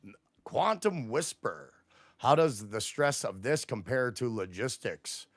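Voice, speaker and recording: A man's voice: medium pitch, animated, a little slow, no room sound, clean studio sound. A man hosting a livestream, ranting at his chat in a profane, combative way. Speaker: livestream host. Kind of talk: casual livestream rant to chat.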